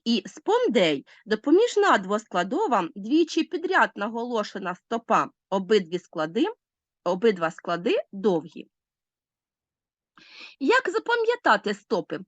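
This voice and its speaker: Lively Ukrainian woman teaching a class. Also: medium pitch, unhurried, no echo. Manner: explains step by step, addresses pupils directly. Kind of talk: literature lesson.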